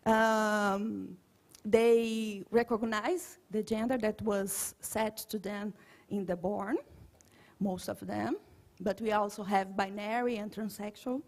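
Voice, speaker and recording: A woman's voice: mid-range voice, fairly even intonation, slow pace. A Brazilian woman around forty, a native Portuguese speaker, presents informally in accented English, hesitantly translating in her head and checking in with a questioning tag. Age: 30s to 40s. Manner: often ends statements with a checking "okay?". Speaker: conference presenter.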